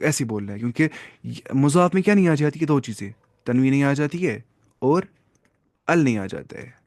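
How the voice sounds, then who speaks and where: A man's voice: mid-range voice, vocal fry, a little mellow, no echo, clean studio sound. A man teaching an Arabic grammar class, who repeats key terms and keeps quizzing his students.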